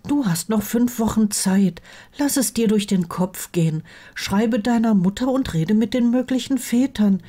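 A woman reading aloud gives an earnest blond teenage wizard boy who keeps pleading with his friend, pitched well up and lively. The tone stays mellow and warm, with a soft storybook delivery. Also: a little slow. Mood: urging. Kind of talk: audiobook reading of fan fiction.

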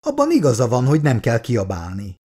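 A man's voice: mid-range voice, wildly swooping pitch, mellow, slightly rough. A man playing a stern old grandfather. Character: stern, sensible grandfather, head of the family.

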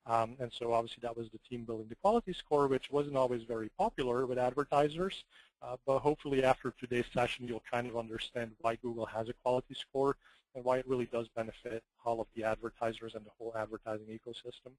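A man's voice: medium pitch, fast, dry recording, poor audio. Man on a faulty mic, uneven volume. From Belgium. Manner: steady explanatory talk with many "uh" and "um" fillers. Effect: faulty mic, audio cutting in and out with uneven volume. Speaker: webinar guest speaker. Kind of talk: webinar presentation, casual and halting. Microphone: computer microphone with a loose connection.

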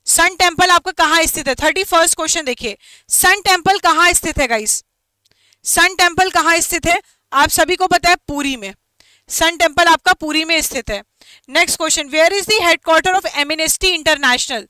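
A woman's voice: extremely high pitch, sharp tone, dry recording. A woman teaching an exam-prep quiz lesson online, repeating each question and mixing English phrases into her talk. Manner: reads English questions slowly and carefully.

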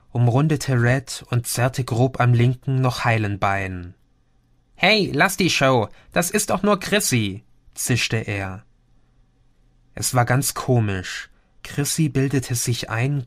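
Slow, measured male audiobook narrator. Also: medium pitch, no room sound, studio quality. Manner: calm, measured storytelling. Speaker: audiobook reader. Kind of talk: scripted narration.

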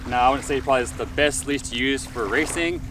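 A man casually unboxing gear for a vlog, relaxed and upbeat, recorded on a camera mic at a distance. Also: medium pitch, quick pace. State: briefly out of breath after pumping. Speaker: paddleboard vlogger. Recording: distant mic with background noise.

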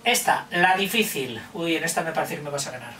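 A man's voice: fairly high pitch, expressive, fairly quick, background noise. An older man, a teacher, playfully racing the listener through counting drills in a children's counting lesson. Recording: echoey room, heard from a distance.

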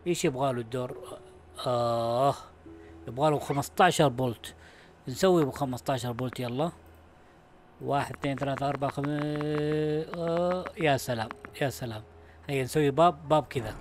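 A man's voice: medium pitch, fairly quick, pauses often, a little mellow, slight background noise. A man giving casual let's-play commentary, chatting to himself as he plays. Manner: chatty, talks to himself while playing. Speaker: gaming YouTuber.

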